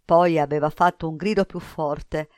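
A woman's voice: low voice, steady tone, a little mellow, no echo. Woman reading fiction in a dry voice. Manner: measured, slow at pauses. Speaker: reader. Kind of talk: literary reading.

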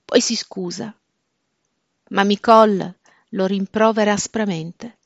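Woman narrator, measured scripted reading, dull lo-fi sound with no room echo. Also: mid-range voice, steady tone. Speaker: book presenter. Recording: dull, dry lo-fi recording.

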